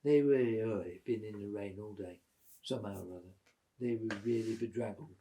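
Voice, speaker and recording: A man in his eighties telling lively family stories at home, chuckling and acting out the voices of the people in them. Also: fairly low pitch, brisk, slight background noise. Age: 80s. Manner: lively, chuckling storyteller who acts out quoted voices. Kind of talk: casual storytelling at a family gathering.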